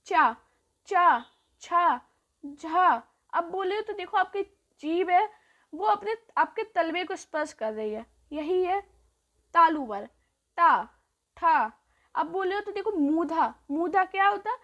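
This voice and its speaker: A woman teacher giving a grammar lesson who asks questions and answers them herself, repeats each point and draws out the sounds slowly. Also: extremely high pitch, animated, fairly bright tone, lo-fi sound.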